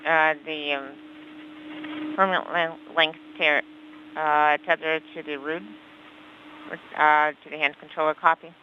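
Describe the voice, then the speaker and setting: Over a dull feed with clear static, an interpreter relays radio exchanges live. The delivery is halting and broken into short fragments. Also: mid-range voice, flat delivery.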